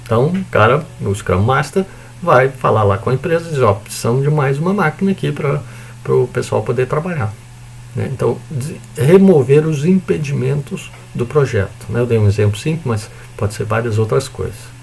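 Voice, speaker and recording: Brazilian male lecturer, mid-pitched with a gravelly edge, relaxed and chatty, lightly noisy recording. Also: normal speed. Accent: Brazilian Portuguese. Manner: casual, chatty explaining with frequent "né?" and "tá?"; mild swearing and joking asides. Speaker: university lecturer.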